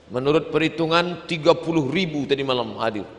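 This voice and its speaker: A middle-aged man preaching a humorous sermon with animated storytelling, breaking into sung verses. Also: fairly high pitch, fairly quick. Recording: long hall reverb.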